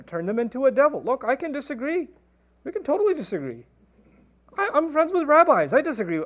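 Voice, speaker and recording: A middle-aged man giving a Quran commentary lecture, animated and posing rhetorical questions to his listeners. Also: extremely high pitch. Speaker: Quran teacher.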